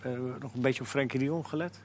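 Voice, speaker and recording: A man's voice: medium pitch, quick pace, slight background noise. A man hosting a sports talk show, hesitant and full of fillers, putting questions to his panel. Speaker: radio host.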